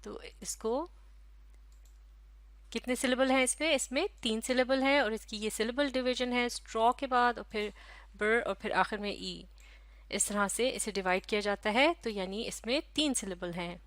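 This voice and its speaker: Slow, careful Pakistani teacher woman. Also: fairly high pitch, a bit bright, no echo. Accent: Pakistani Urdu. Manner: slow, careful, drawn-out syllables for children; asks questions and answers them herself. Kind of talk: recorded classroom lecture.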